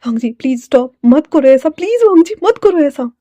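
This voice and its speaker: A woman voicing a desperate young woman who cries and begs her lover to stay, her pitch pushed high and tearful. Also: steady tone, moderate pace, warm tone, dry recording. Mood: frantic. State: crying.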